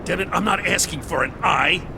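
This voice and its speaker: An actor playing a gruff, world-weary middle-aged police commissioner in a video game, blunt, stubborn and exasperated. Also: male voice, sits high, a little fast, noisy background. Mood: angry, threatening. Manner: blunt, exasperated, hard-boiled.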